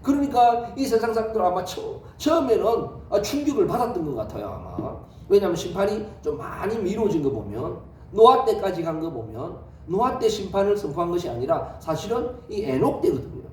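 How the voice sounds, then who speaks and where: A male pastor delivers a sermon as a lively story, full of rhetorical questions. His voice sits high and swings widely in pitch. He sounds far from the mic in a reverberant sanctuary with a faint hiss underneath. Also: fairly quick. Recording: echoey hall, distant mic, faint noise.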